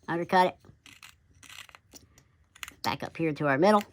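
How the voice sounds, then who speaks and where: A man's voice: fairly high pitch, normal speed, a little hiss or hum. A man casually talking through a woodcarving demonstration, his voice sped up to double speed into a chipmunk voice, dropping folksy asides like "oop" and "yep". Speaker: woodcarving instructor. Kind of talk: casual step-by-step carving demonstration.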